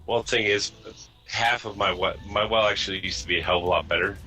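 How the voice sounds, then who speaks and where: Bright-voiced man rambling on a podcast. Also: on the low side, fairly even intonation, fast, soft background music, low-quality recording. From US East Coast. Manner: blunt, rambling storyteller. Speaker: podcast host. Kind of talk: casual chat.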